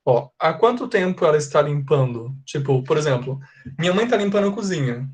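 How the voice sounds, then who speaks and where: A man's voice: fairly high pitch, lively intonation, brisk. A Brazilian man who teaches English, giving a live online class. He explains patiently, repeats his points and keeps checking that his students understand. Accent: Brazilian Portuguese.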